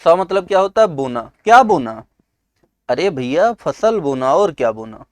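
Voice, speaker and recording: A high-voiced man with a North Indian accent teaching an exam-prep English lesson in a dry, close sound. He explains by asking questions and answering them himself, mixing English terms in. He clears his throat now and then. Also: sing-song, measured pace, a little mellow, no echo. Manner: clears throat and coughs often.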